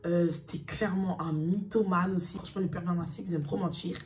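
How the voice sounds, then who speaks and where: A young woman telling a personal story to her viewers in a casual, animated, slangy and emphatic way. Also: lowish voice, fast, far from the mic.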